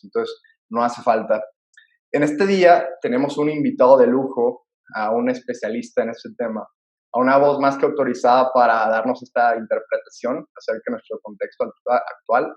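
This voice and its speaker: A man's voice: medium pitch, lo-fi sound. Male podcast host in an echoey room. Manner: earnest and admiring, reads introductions. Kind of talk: podcast interview hosting.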